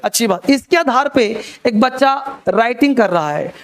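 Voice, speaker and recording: A man's voice: very high-pitched, animated, moderate pace. A man teaching a spelling lesson to a class, repeating key words and quizzing his students. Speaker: English teacher.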